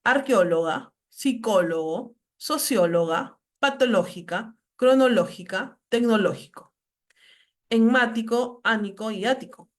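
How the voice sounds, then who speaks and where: Woman lecturer, grammar lesson, deliberate and emphatic on examples. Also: fairly high pitch. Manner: slow, stressed reading of example words.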